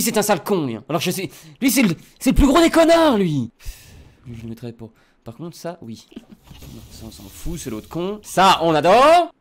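A young man commenting on a video game, excitable and swearing, jumping from quiet mutters to shouts. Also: a little high. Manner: swears casually, repeats himself. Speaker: gaming streamer.

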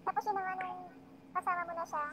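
A woman's voice: extremely high pitch, level tone, fast talker. A woman on a live chat who chimes in with short comments and questions. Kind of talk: casual chat. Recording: loud background noise.

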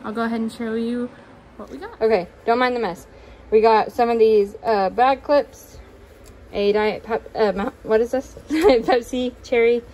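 A young woman chatting casually in her kitchen, showing what she bought, with fillers and quick self-corrections. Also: fairly high pitch, darkish tone, a little hiss or hum, rough recording. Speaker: vlogger. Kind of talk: casual grocery haul narration. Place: home kitchen, indoors.

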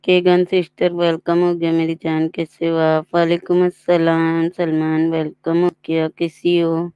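A woman hosts a live stream and greets each viewer in turn, reading chat aloud in a slow, level, unhurried voice. Her tone is smooth and clear. The sound is close and dry, with a slightly dull, lo-fi edge. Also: sits low, monotone, no room sound.

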